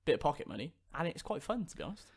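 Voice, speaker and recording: Chatty jokey guy, quick. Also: fairly high pitch, very animated, slightly rough. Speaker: podcast co-host. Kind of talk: casual chat.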